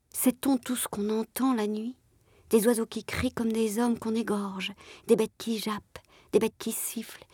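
A woman voicing a young, worn former country servant girl in a hushed, confiding whispered role-play, using rustic turns of speech. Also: medium pitch, slightly rough, no echo, studio quality.

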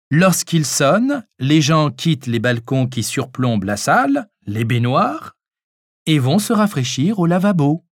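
Male reader voicing a teasing doctor, wry and relaxed, dry read. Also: mid-range voice, no echo.

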